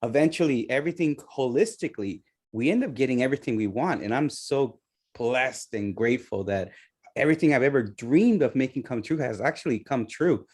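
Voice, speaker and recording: A man's voice: medium pitch, lively intonation, fairly quick, a little mellow, husky. A man from El Salvador co-hosting a radio show, earnest and reflective, often laughing as he talks. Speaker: co-host, immigration lawyer. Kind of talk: casual radio chat.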